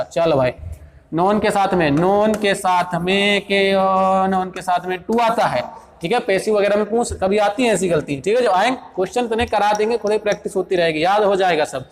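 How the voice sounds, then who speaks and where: A man runs an exam-prep grammar lesson. His voice sits high, and he talks briskly, quizzing students as he goes. He reads the sentences out slowly and explains them fast. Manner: brisk, repeats "देखो भाई" and quizzes students. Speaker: English teacher.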